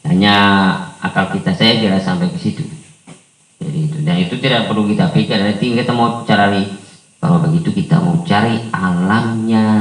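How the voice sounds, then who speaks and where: A man teaching an Islamic book study in a conversational way, often tagging questions and jumping his voice high for emphasis. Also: darkish tone. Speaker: religious teacher. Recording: echoey room, mic far off.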